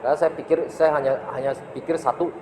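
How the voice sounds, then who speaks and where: A man with a fairly high voice tells a personal story in a lively, emphatic way and keeps checking in with rhetorical questions. The room is roomy and echoey, with a long reverb tail. Faint ambient noise hums underneath. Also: quick pace. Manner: animated, emphatic storyteller with rhetorical tags and chuckles. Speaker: martial arts instructor telling a personal story. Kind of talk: casual storytelling to camera.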